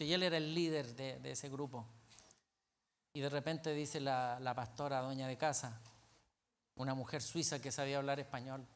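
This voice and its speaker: A male pastor, telling a story in a sermon and swinging from quiet to loud. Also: fairly high pitch.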